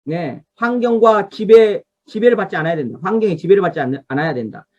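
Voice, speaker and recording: A woman's voice: medium pitch, expressive, a little fast, a little mellow, lo-fi sound. A woman pastor leading an online revival Bible study over a video call. She teaches from a study guide, tells listeners what to underline, and asks the congregation to respond.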